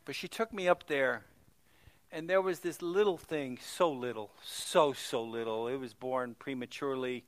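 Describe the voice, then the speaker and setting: A middle-aged male pastor telling stories in a sermon, swinging from loud exclamations to hushed, near-whispered moments. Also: on the high side, moderate pace, dry recording.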